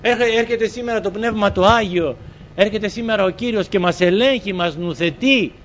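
A man from Greece preaching a sermon, earnestly retelling conversations and pausing on fillers. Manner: earnest, retells conversations with many quoted exchanges and hesitant fillers. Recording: dull muffled recording with faint rumble.

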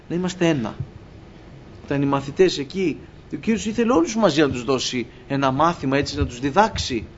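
A man delivers an impassioned sermon, speaking straight to his congregation as brothers and voicing short dialogues with God. His voice sits fairly high. The recording is dull and lo-fi, with faint room noise behind him. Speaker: preacher.

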